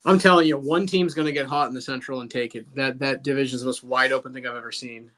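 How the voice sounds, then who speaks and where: A man with a Boston accent who talks fast and slurs his words, hosting a casual live-stream chat. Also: medium pitch, steady tone, sharp tone.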